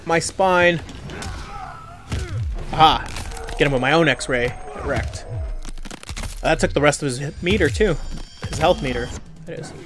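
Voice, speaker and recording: Young male let's-player, slightly high voice, reactive and mumbly, with game music playing clearly underneath. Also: moderate pace, pauses often. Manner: reactive, groans and mutters at setbacks. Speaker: let's play gamer. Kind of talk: casual gameplay commentary. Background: game music and sound effects.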